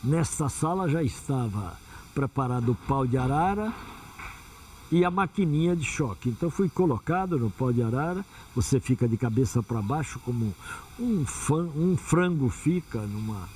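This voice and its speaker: A man speaks earnestly in an interview, pausing as he recalls. His voice is mellow and dark. He sits back from the mic, with faint ambient noise around him. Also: mid-range voice, animated, recorded from a distance. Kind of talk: testimony interview.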